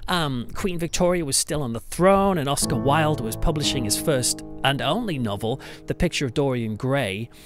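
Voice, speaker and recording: Speaking at a moderate pace with hardly any pauses, this British man's medium-pitched voice stays animated over background music. He's a podcast host and church pastor, telling a story through scripted narration and a reflective review, full of emphatic phrasing and conversational asides.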